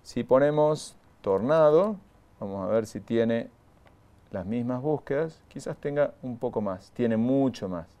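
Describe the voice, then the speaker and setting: The recording is lo-fi, and the man's medium-pitched voice is expressive, warm, and a little slow. Standing before a graphic backdrop in a studio, he hosts a live online training, talking straight to viewers with patient explanations and repeated key points.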